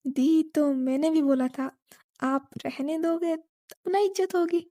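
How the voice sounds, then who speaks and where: A woman's voice: high voice, slow pace, dark tone, no echo, clean studio sound. A woman voicing a playful younger sister who teases her elder sister. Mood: teasing. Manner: teasing.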